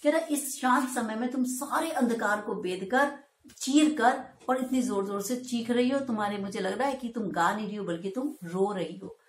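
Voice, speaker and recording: A woman teacher with a slightly high voice, heard in a roomy space, explains a Hindi poem to school students. She recites the verse lines slowly and with feeling, then explains them in plain speech.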